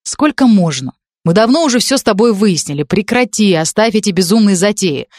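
A woman reading a story, voicing a serious, calm young male student who speaks in a measured way. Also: medium pitch, no room sound, studio quality, close to an everyday voice. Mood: stern. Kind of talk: audiobook character reading.

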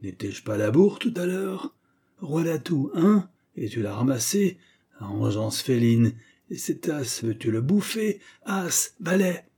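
A man voicing a boisterous old Cossack grandfather who shouts at card games with demons. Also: mid-range voice, sing-song, unhurried, breathy edge, voice pushed up, exaggerated voice. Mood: triumphant. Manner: shouting, blustering.

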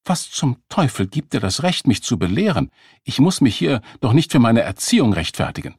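A quick-tempered single mother on a date, her voice pitched higher and sharper, and she snaps back in flustered bursts, as a man puts her on. The voice keeps a gravelly edge. It sits dry and close in a spoken storybook reading. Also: big pitch swings, a little mellow, no echo, full character voice. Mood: furious. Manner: flustered, snapping retorts.

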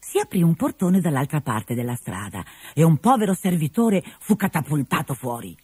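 A man narrating a fairy tale in an expressive storytelling manner. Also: on the high side, normal speed, husky, no echo.

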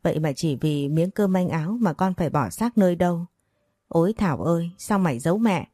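A woman narrating a scripted story in an even, steady reading voice. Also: lowish voice, no room sound, clean studio sound. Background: soft background music.

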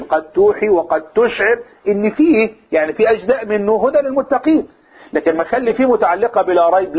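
This religious teacher's voice is high with a breathy edge, carrying an Egyptian Arabic accent. Teaching Quran commentary, he raises questions and answers them himself, through thin, phone-like audio.

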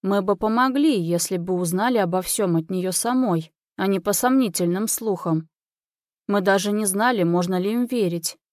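Woman voicing a calm pleading father. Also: medium pitch, normal speed, no echo, studio quality, lightly acted. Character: middle-aged father, a doctor, placating.

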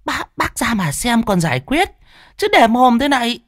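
A woman's voice: on the high side, sing-song, moderate pace, no room sound, clean studio sound. A woman voicing a panicky village woman, out of breath and stammering. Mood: breathless. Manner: gasping, stammering repeats.

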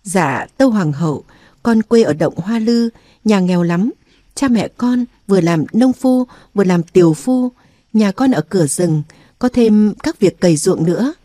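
A woman's voice: mid-range voice, expressive, unhurried, dark tone, no room sound, studio quality. A woman doing a timid young palace maid. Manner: humble, deferential. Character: young servant girl, poor and timid.

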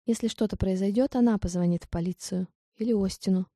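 A woman reading a first-person audiobook in an even, steady storytelling manner. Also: medium pitch, quick pace, dry recording, studio quality. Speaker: audiobook narrator.

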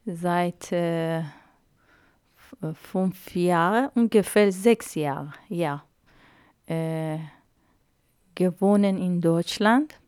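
Slow, halting woman in her fifties. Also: on the low side, a little mellow, clear, resonant tone, dry recording, studio quality. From Iran. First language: Arabic and Persian. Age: 50s. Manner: halting, hesitant learner's speech with many fillers. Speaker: interview guest. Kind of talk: radio interview.

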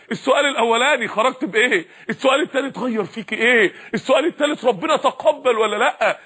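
Urgent, high-pitched male preacher. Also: sharp tone, husky. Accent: Egyptian Arabic. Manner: urgent, repeating rhetorical questions to the audience. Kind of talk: sermon.

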